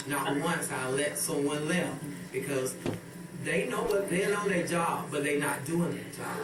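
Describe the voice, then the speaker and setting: A man who is a mayor answering interview questions firmly, demanding accountability. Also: fairly high pitch. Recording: echoey room from far off.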